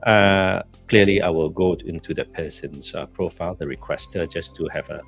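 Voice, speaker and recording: A man's voice: deep voice, moderate pace, vocal fry, a bit bright, soft background music. A man with a Malaysian accent co-hosting a casual live chat, talking in a hesitant, rambling way. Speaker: co-host of a live stream.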